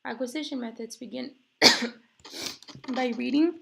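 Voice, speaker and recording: A student presents a textbook chapter, reading her slides and explaining them casually with lots of fillers. She is recovering from an illness and coughs now and then. Her voice is high and sharp with gravelly fry, she speaks slowly, and there is slight background noise.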